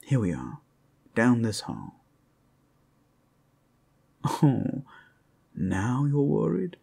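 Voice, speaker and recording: Using a full character voice, a man plays a playful, flirtatious werewolf in an ASMR roleplay, smooth-talking and teasing one listener in a friendly way. His medium-pitched voice swings hugely in pitch, is a little mellow, and moves extremely slowly.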